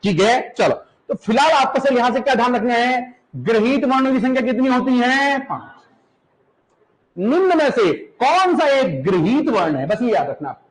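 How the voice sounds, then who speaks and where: With a very high voice and lively intonation, a male teacher from the hills of Uttarakhand delivers a classroom lecture. He slowly repeats words for copying and regularly confirms that students follow, in a low-quality recording.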